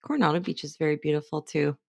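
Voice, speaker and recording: Middle-aged woman from hawaii, chatty and self-assured, lowish voice, dry close sound. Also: fast, vocal fry, a little mellow, no echo. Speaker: interviewee, clinic staff member. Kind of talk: casual interview.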